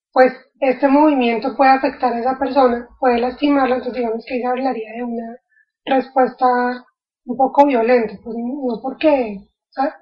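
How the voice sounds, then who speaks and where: An educator with a high voice explains a topic in an informal video lecture, thinking aloud with fillers and restarts. The audio sounds dull.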